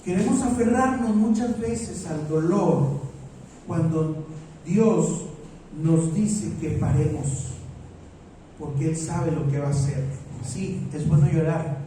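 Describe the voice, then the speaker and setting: A man preaching a sermon as pastor, slow and deliberate, repeating his phrases. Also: fairly high pitch, dark tone, very echoey, distant mic, a little hiss or hum, poor audio.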